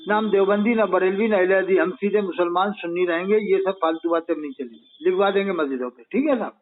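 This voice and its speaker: Male channel owner, high voice, firm adviser, heard over a phone line. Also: fast talker, slight background noise. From Madhya Pradesh, India. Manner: assertive, advising, ends points with "right?". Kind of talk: casual phone conversation.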